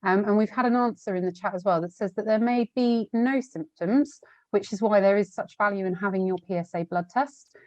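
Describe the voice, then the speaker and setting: A woman co-hosting over an online call, clearly summarising questions and answers from the chat. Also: mid-range voice, fairly quick, a little mellow, no room sound. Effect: online call audio. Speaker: webinar co-host reading chat questions. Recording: dull lo-fi call line, dry.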